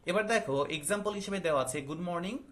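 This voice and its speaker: A male English teacher, explaining slowly and asking the class questions. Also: high voice, fairly bright tone, slight background noise. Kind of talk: classroom lesson.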